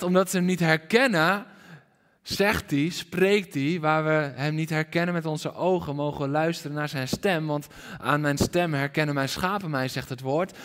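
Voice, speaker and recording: A man preaching a sermon to a congregation in a hall, animated and questioning his listeners directly. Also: on the high side. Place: church hall with congregation and livestream. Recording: reverberant hall.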